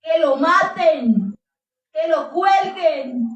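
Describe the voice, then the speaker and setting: A woman's voice: very high voice, a little slow, fairly bright tone, muffled recording. A woman voicing an angry crowd chanting demands for an execution. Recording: echoey room, distant mic.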